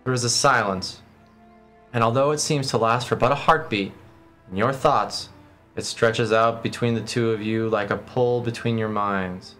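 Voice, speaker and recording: Guy streaming a game, mid pitch, reads text out and chats casually, faint music under him. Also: moderate pace, a bit bright. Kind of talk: casual game commentary, reading game text aloud.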